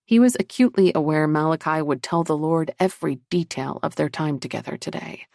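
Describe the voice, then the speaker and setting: Low gravelly woman narrating a novel. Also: lively intonation, a little fast, darkish tone, no echo, studio quality. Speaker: audiobook narrator. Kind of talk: scripted narration.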